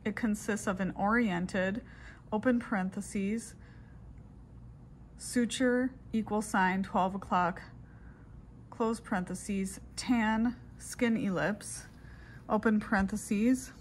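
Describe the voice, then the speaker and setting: A woman dictating a clinical report deliberately, word by word, speaking the punctuation aloud as an instructor. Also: medium pitch, fairly even intonation. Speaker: pathology lab instructor. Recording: clearly noisy room recording.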